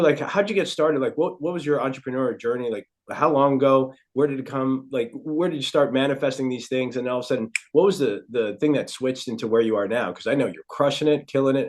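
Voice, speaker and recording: Fast-talking upbeat male host. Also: mid-range voice. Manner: enthusiastic, upbeat praise. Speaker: podcast host. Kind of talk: casual interview chat.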